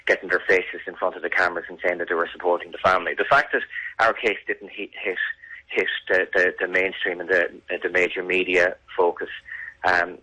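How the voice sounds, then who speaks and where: A man's voice: low voice, little pitch movement, brisk, sharp tone, husky, low-quality recording. A man giving serious, earnest answers as an interview guest, emphatic and often repeating words. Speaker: radio interview guest, victim's family campaigner.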